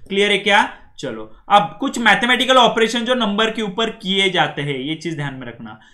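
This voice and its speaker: A man gives a classroom lesson. His voice is bright and sits a little high. He drills numbers slowly and keeps checking that the class follows. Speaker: language teacher. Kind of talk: classroom lecture.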